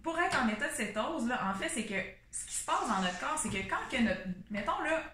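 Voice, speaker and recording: Woman, Québécois accent, fairly high voice, step-by-step explainer, echoey room. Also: lively intonation, brisk, sharp tone, slight background noise. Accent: Québécois French. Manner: explains step by step, thinking aloud with restarts. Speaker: nutritionist co-host. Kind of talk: casual chat.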